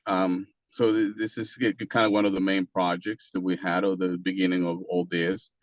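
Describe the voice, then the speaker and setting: This Costa Rican man, a native Spanish speaker with a Costa Rican accent, is a guest in a casual interview. His low voice is flat, and he stumbles along with lots of fillers and restarts. The recording is muffled but has no echo.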